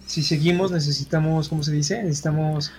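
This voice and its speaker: A man's voice: a little high, fairly even intonation, brisk, slight background noise. A man with a Mexican accent, reacting in casual chat with slangy interjections. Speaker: co-host.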